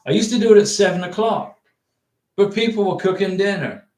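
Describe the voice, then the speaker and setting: A man's voice: high voice, fairly quick, a little mellow. A man hosting a casual livestream, reading viewer questions aloud and answering in a chatty, rambling way. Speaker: livestream host giving immigration advice. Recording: echoey room.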